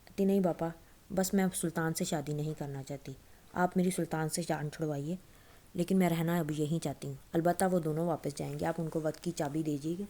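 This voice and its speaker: A young woman recounts a novel's plot in a relaxed, conversational way, stopping now and then to fix a slipped word. Her voice sits on the low side for a woman and has a soft, mellow tone. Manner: chatty, loose retelling with frequent self-corrections. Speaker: novel recap storyteller. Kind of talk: casual spoken retelling of a novel.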